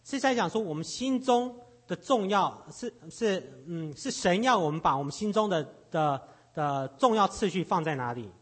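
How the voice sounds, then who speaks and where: A husky, fairly high-voiced man interprets a sermon phrase by phrase. He halts and repeats words as he works out each line, keeping pace with the preacher. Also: animated, moderate pace. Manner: hesitant, repeats words while searching for phrasing.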